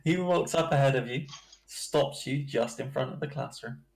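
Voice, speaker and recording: A man running a tabletop game as dungeon master, narrating in a slow, halting way with chuckles. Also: medium pitch, vocal fry, darkish tone, low-quality recording.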